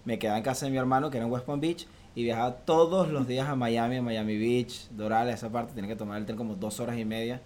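A man's voice: mid-range voice, quick pace, few pauses, darkish tone. Young Venezuelan man, guest on a chat podcast, easygoing and chatty, laughs between bites of hot wings, faint noise behind. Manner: chatty, laughs while eating spicy wings. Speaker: guest photographer. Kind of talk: casual interview chat.

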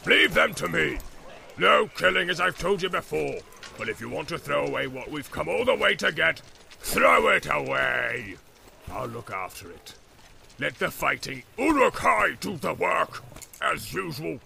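A man voicing a brutal, boastful male orc captain who barks orders and mocks his rivals in a gravelly voice. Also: fairly high pitch, sing-song, measured pace, slight background noise, voice pushed up, heavily acted. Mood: commanding. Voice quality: gravelly, barking. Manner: shouting orders, mocking laughter.

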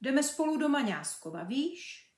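A woman's voice: sits high, sing-song, a little mellow, pitched above the performer's own voice. A woman voicing a small naughty boy, frowning and hesitant. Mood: puzzled. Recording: echoey room.

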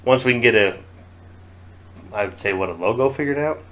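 A man co-hosting a casual podcast, relaxed and teasing, with casual swearing. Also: mid-range voice, fairly quick. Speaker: podcast co-host. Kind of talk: casual chat.

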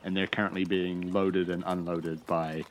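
A man's voice: sits low, little pitch movement. A man running a tabletop game as game master, narrating with frequent restarts and hesitations. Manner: halting, many restarts. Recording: dull lo-fi mic with faint hiss.

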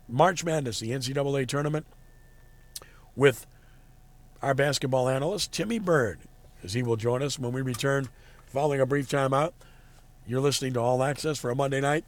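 A man hosting a sports talk radio show, giving commentary. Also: mid-range voice.

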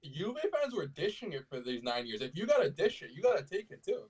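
A man's voice: fairly high pitch, sing-song, fairly quick, darkish tone, breathy edge, distant mic, low-quality recording. A man in a casual sports debate, pressing others with challenging questions.

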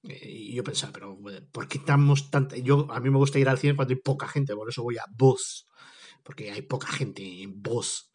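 A man's voice: medium pitch, moderate pace, darkish tone, slightly rough. Chatty, jokey man rambling. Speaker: podcast host. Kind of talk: casual rambling monologue.

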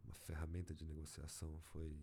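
A man's voice: very deep voice, monotone, quick pace, mellow, slight background noise. A man with a Brazilian Portuguese accent, venting in a casual, slangy monologue as an agency owner fed up with clients. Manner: frustrated, slangy, exasperated.

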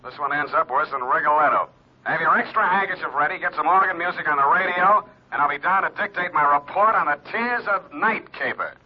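An actor playing a wisecracking, world-weary private detective in a vintage radio drama, with wry, sardonic delivery. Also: male voice, a little high, fairly quick, husky. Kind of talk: 1940s radio acting. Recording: tinny vintage radio broadcast.

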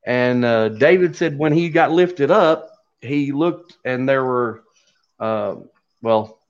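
Middle-aged male storyteller, Appalachian Kentucky accent, halting and folksy delivery, muffled low-fidelity recording. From Kentucky, USA. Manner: folksy, halting, unhurried telling. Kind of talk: casual oral storytelling. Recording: dull lo-fi audio.

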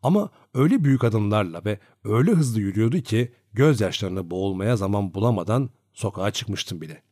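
A man's voice: lowish voice, a little fast, no echo, studio quality. A man narrating a classic novel as an audiobook, reading expressively. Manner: expressive storytelling.

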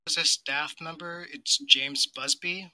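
A man's voice: on the high side, fairly even intonation, slow pace, sharp tone, no room sound, low-quality recording. A man calling in over the phone as a first-time caller, earnestly laying out background before asking his question. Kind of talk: casual call-in question.

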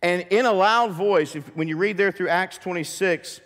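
A pastor preaching a sermon to his church, lively and full of questions to the congregation. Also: high voice, normal speed, in a large hall. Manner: animated, asks the congregation many questions. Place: church sanctuary.

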